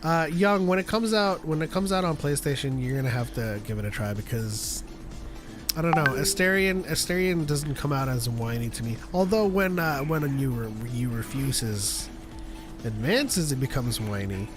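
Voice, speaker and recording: A man's voice: medium pitch, expressive, normal speed, over music. A man co-hosting a casual live call-in show, chatting loosely with frequent restarts and easy laughter. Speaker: podcast co-host. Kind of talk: casual live-stream chat.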